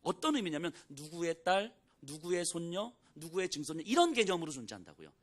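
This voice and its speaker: A male pastor preaches in a casual, storytelling tone, slipping into characters' voices as he retells the scripture. His voice sits a little high and moves up and down with lively intonation. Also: a little fast. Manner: conversational preaching, acts out biblical dialogue in casual speech. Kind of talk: sermon.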